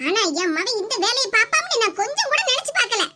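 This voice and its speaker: A woman's voice: very animated, quick pace, very noisy. A voice actor playing a fierce old mother with a southern Tamil accent, scolding her son in a cartoon comedy. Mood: outraged. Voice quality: high, shrill, accusing.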